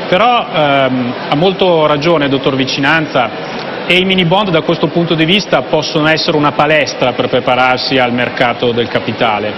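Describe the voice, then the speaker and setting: A man in his thirties, a professor, giving measured expert answers. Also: a little high. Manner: measured, explanatory. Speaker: professor, interview guest. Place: convention hall TV set, indoors. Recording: muffled broadcast audio with background noise.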